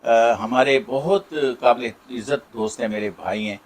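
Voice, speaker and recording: A middle-aged actor with a Saraiki accent, answering interview questions in a warm, grateful way with many pauses. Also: male voice, medium pitch. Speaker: Saraiki drama and film actor.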